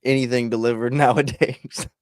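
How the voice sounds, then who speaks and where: A man's voice: medium pitch, fairly even intonation, normal speed, no echo, studio quality. A young man co-hosting a podcast in laid-back casual chat, laughing often and swearing casually. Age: young adult. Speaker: podcast co-host.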